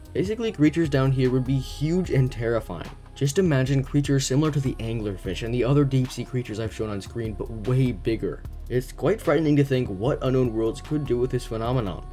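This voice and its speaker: A young man reading a scripted gaming video essay in a steady, explanatory way. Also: mid-range voice. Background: faint background music.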